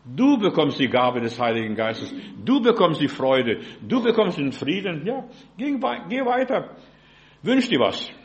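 A man with a somewhat high voice preaching a sermon. He talks straight to his listeners in an informal way, peppering his talk with "ja" and asking "verstehst du?" again and again. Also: big pitch swings, a little slow, muffled recording.

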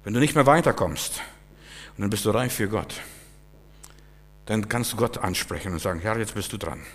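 A man preaching a sermon with fervent, repetitive phrasing that climbs to loud, emphatic peaks. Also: fairly low pitch, moderate pace. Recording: long hall reverb.

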